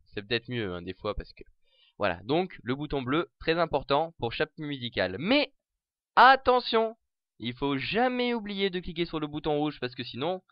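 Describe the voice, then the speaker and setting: A man giving a casual, chatty software tutorial over a screen recording, full of fillers and restarts. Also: medium pitch, no echo, lo-fi sound.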